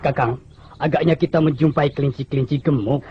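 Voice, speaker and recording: A man playing a menacing, servile bandit henchman in an old radio drama, with a very raspy voice. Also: mid-range voice, fairly even intonation, brisk, lo-fi sound, over loud music, lightly acted. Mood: greedy.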